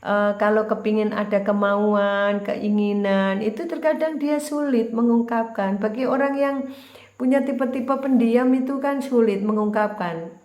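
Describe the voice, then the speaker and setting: A woman's voice: mid-range voice, fairly even intonation, unhurried, darkish tone. A woman giving a casual tarot reading, talking straight to the viewer in a chatty, repetitive way. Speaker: tarot reader. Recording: roomy echo.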